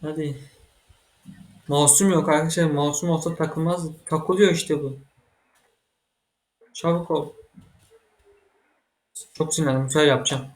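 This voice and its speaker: A man giving casual let's-play commentary as he plays a computer game, excitable and quick to get frustrated, swearing at the game. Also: fairly high pitch. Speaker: gaming channel host.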